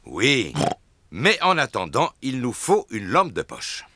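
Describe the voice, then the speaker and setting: A man playing a jolly, bumbling father pig in a preschool cartoon, with an expressive delivery. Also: mid-range voice, slow pace, exaggerated voice. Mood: reassuring. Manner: jovial, expressive.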